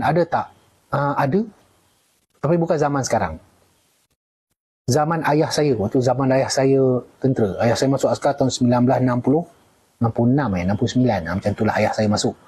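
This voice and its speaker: A man's voice: medium pitch, darkish tone, slightly rough. A middle-aged man with a Malaysian Malay accent, a retired army officer chatting casually on a live stream, answering viewer comments and joking.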